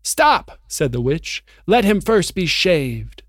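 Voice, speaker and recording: A man voicing a cruel, fierce female witch with shrill, commanding cries while reading a storybook aloud. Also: big pitch swings, takes it slowly, a bit bright, no room sound, clean studio sound, full character voice.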